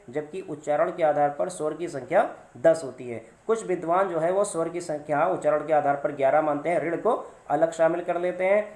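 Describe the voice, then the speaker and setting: A man's voice: a little high, darkish tone. Patient male grammar teacher, echoey room. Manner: patient, repeats examples and asks rhetorical questions. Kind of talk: grammar lesson video. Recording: roomy echo.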